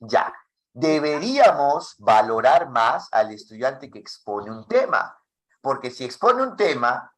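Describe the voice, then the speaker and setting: A man teaching a class for teachers, asking many questions in a lively way. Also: mid-range voice. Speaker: teacher trainer.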